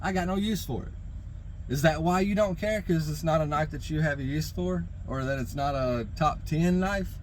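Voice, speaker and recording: A man's voice: on the high side, normal speed, darkish tone, a little hiss or hum, rough recording. A man delivering an unscripted, exasperated rant full of swearing, rambling and stammering over repeated phrases as he goes. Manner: exasperated, rambling, profanity-laden ranting. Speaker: knife review vlogger. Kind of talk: unscripted opinion rant to camera.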